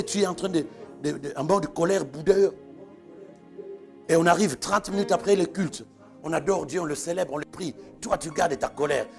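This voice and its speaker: A male pastor preaching a sermon, animated and quick to act out the voices of the people he quotes. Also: on the high side.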